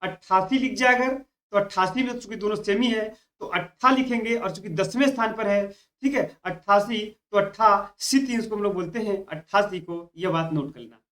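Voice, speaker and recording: A man's voice: sits high, normal speed, hardly any pauses, fairly bright tone. A man teaching an online exam-prep lesson, often repeating key words and telling students to note them down. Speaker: Hindi exam tutor.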